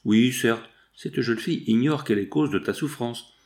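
A man's voice: medium pitch, moderate pace, lightly acted. Man reading a scheming millionaire father. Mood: hushed. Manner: hushed, guarded. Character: middle-aged millionaire father, guilty and scheming.

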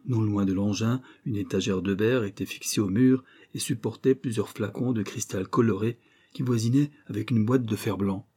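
Brief: male audiobook narrator, measured, dark and husky. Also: on the low side, steady tone.

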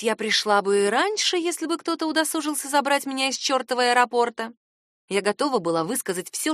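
A woman's voice: fairly high pitch, a bit bright, no room sound, clean studio sound. A woman narrating a first-person story in a sarcastic, exasperated tone.

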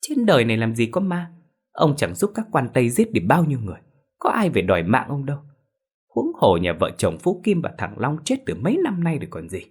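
A man voicing a sharp-tongued village wife who mocks and nags her husband, in a spoken ghost story. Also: sing-song, a little fast. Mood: scornful. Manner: shrill, mocking, nagging.

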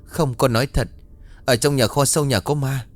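A man's voice: medium pitch, fairly even intonation, moderate pace, soft background music, voice pushed up, close to an everyday voice. A man voicing a frightened young woman who pleads tearfully with her father in a ghost story. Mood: terrified.

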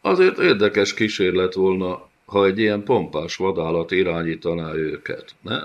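A man voicing a raspy, sneering fat warlord. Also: low-pitched, animated, highs cut off. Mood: mocking. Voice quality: raspy throaty laugh. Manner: sneering, scornful. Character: fat cruel male warlord, sneering, mocking.

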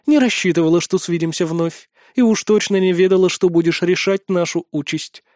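A proud, scornful older noblewoman, as a male narrator voices her, sneering at the young man she once dismissed. Her voice is set high for a man's reading. The recording is dry and close. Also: fairly quick, a little mellow, dry recording, lightly acted.

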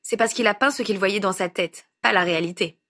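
A woman's voice: mid-range voice, brisk, fairly bright tone. Hermione, a woman reading a clever young woman. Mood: explaining.

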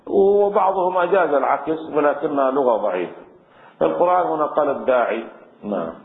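A man's voice: a little high, lively intonation, fairly quick. A man teaching classical Arabic grammar, explaining patiently step by step with many fillers. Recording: echoey room on a tinny lo-fi line.

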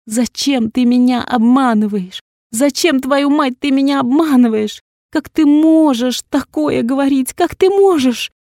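A woman's voice: a little high, moderate pace, hardly any pauses, dry recording, clean studio sound, pitched above the performer's own voice, natural voice. A woman playing a frantic young patient, screaming. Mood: screaming, sobbing. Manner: shouting, pleading, sobbing. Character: young woman in hospital, desperate and panicking.

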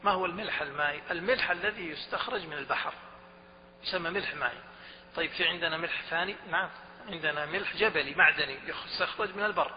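A man's voice: a little high, quick pace. A man giving a lecture on Islamic jurisprudence, who quizzes the students often and repeats his points. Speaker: religious studies teacher. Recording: dull recording with a long hall reverb and faint hum.

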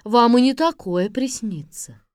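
A wise young maiden from a fairy tale who speaks in a calm, measured way. Her voice is high and unhurried, and it is recorded close and dry. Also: a loud crowd. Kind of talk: audiobook radio play.

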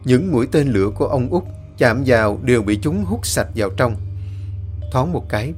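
A man's voice: mid-range voice, lively intonation, moderate pace, darkish tone, soft background music. A man narrating a ghost story and voicing each of the characters himself.

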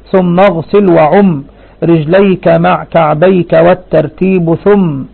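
Reading verses aloud and then unpacking them with rhetorical questions, a man teaches a religious lesson. His voice sits high with vocal fry and a breathy edge, heard over a narrow, phone-like recording.

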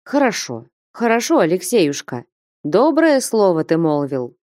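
A woman playing a stern, warm-hearted elderly merchant father who talks solemnly and emphatically, in an audiobook. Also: fairly low pitch, sing-song, a little slow, no room sound, studio quality. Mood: fatherly.

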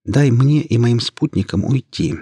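A man voicing a young woman, a budding witch, speaking calmly, coldly and firmly in an audiobook. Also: mid-range voice, unhurried, husky, no room sound, voice pushed up. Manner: calm, cold and firm.

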